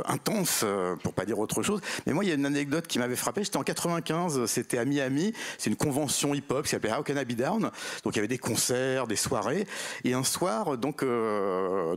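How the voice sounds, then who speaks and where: A man speaking on a conference panel, telling a lively anecdote and acting out the people he quotes. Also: mid-range voice. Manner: lively storytelling, acts out quoted voices. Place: conference room with audience.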